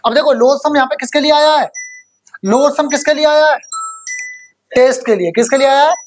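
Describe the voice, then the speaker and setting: A man's voice: extremely high pitch, fairly quick, slight background noise. A young male teacher gives a spoken vocabulary lesson, coaxing students and quizzing them over and over. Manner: coaxing, repeats "theek hai bhai" and quizzes students.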